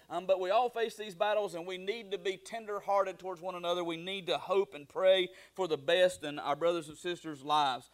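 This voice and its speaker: A man's voice: high-pitched, fairly bright tone. A middle-aged man preaching a sermon in a folksy storytelling way, full of fillers and restarts. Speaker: pastor.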